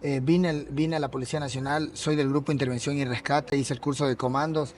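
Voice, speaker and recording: A man with a coastal Ecuadorian accent, a mountaineer and police officer, telling his story in an earnest, halting way during a café interview. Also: on the high side, level tone, darkish tone. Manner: earnest, repeats words while searching for them. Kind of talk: casual interview.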